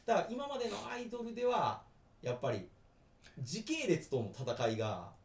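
A man's voice: sits high, moderate pace, creaky. A man, chatting casually as a podcast co-host, laughing often and acting out quoted lines. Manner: animated, laughs often, slips into Kansai-style quoted lines. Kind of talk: casual chat about anime.

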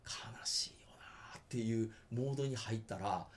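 A man's voice: on the low side, normal speed, a little hiss or hum. A man, chatting casually as a podcast co-host, laughing often and acting out quoted lines. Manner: animated, laughs often, slips into Kansai-style quoted lines. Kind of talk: casual chat about anime.

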